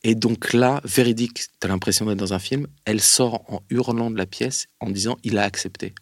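A man telling a lively anecdote in an interview, with lots of hesitations, speaking straight to his listener. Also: fairly low pitch, normal speed, no room sound, studio quality. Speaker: interview guest. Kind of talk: casual storytelling.

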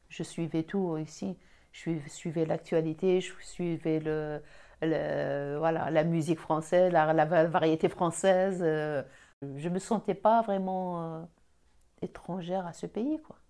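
Algerian-accented woman with a mellow voice. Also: on the low side. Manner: hesitant, many restarts, firm when making a point. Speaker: podcast guest, host's mother. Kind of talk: personal interview recollection.

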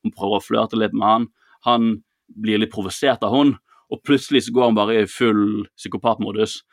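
A man co-hosting a podcast, retelling a film in a lively, casual way, acting out quotes and swearing freely. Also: fairly low pitch, no room sound, clean studio sound. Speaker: podcast co-host.

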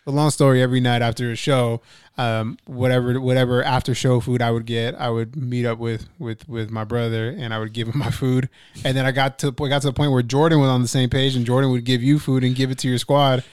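A young man in relaxed, casual podcast chat, swearing freely and restarting his sentences. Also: medium pitch, brisk, smooth, no room sound, studio quality. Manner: laid-back, swears casually, trails into restarts.

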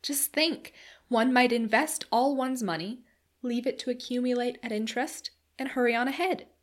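A woman voicing an eager, excitable very young Victorian man. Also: a little high, moderate pace, voice pushed up, natural voice. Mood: excited.

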